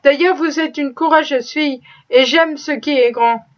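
A woman voicing a rough but kind-hearted older farmer who talks bluntly and swears. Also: high-pitched, normal speed, close to an everyday voice. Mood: gruff. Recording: dull lo-fi recording.

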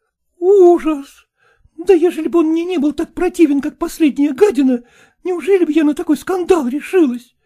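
A man's voice: very high-pitched, moderate pace, dark tone, voice pushed up. A man voicing a distressed young woman who pleads tearfully and snaps with scorn. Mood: pleading.

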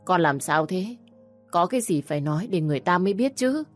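A woman's voice: lowish voice, animated, brisk, faint music behind, lightly acted. A woman voicing a distraught middle-aged mother in an audio story. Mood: upset.

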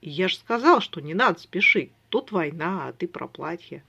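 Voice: mid-range voice, lively intonation, moderate pace, vocal fry, bright, forceful tone, slightly rough, full character voice. A reader voicing a sly male ruler who speaks in clipped, chiding phrases, in an audiobook. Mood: evasive. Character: sly older brother Lami, a ruler. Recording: dull lo-fi recording.

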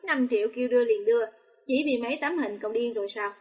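A woman's voice: a little high, fast talker, darkish tone, close to an everyday voice. A woman voicing a hot-tempered young man who speaks in an agitated, urgent way. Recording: long reverb.

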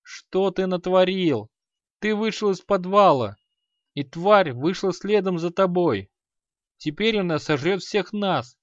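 A man's voice: on the high side, expressive, takes it slowly, no echo, muffled recording. A man voicing a frightened fat rich merchant who stammers and pleads. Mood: panicked.

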